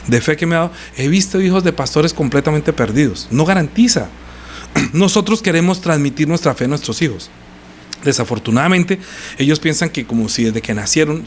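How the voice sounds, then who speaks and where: A middle-aged pastor preaches in a church, his voice sitting a little high for a man. He talks to the congregation in a conversational way, tossing them rhetorical questions. A faint ambient hum runs underneath. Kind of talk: sermon.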